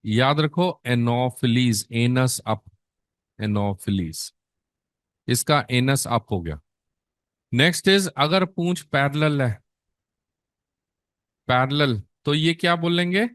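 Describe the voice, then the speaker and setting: A middle-aged man teaches a nursing exam class in a mid-range, slightly bright voice with lively intonation, drawing out his words and pausing often. He coaxes students in Hindi mixed with English, calls them beta, and answers his own quiz questions. No room sound is audible in the studio-quality recording.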